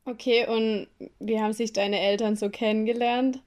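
A woman hosting a podcast, asking questions with halting speech and many fillers. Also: on the high side, fairly even intonation, a little mellow. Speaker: podcast host. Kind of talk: casual interview.

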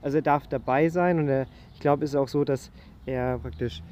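A man's voice: medium pitch, fairly even intonation, normal speed, a little mellow, highs cut off, slight background noise. A man in a casual study discussion, talking hesitantly with many fillers and restarts. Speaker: student discussing a historical document.

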